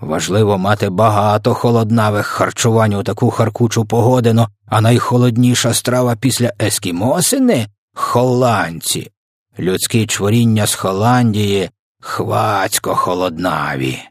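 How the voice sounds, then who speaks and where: A man's voice: lowish voice, normal speed, no room sound, clean studio sound, lightly acted. A man doing a roaring man-eating giant. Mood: gloating. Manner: bellowing, mangled made-up words.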